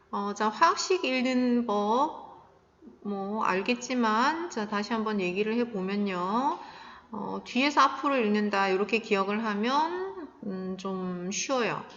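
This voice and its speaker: A woman's voice: mid-range voice, fairly bright tone, slight background noise. A woman science teacher giving a recorded lesson, explaining step by step with many filler sounds. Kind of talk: recorded classroom lecture. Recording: dull, echoey sound with long reverb.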